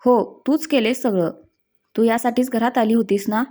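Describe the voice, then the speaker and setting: Brief: woman reader doing an angry, accusing young wife, slightly high, mellow tone. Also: steady tone, normal speed, natural voice. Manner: fierce, accusing. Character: distraught young woman defending her husband.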